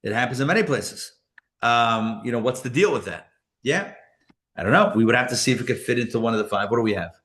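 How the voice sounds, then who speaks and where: Fast and expressive, this man's medium-pitched, fairly bright voice belongs to a rabbi leading a live Torah class. Israeli-born and raised elsewhere, he talks casually, chuckling often and starting over as he answers audience questions.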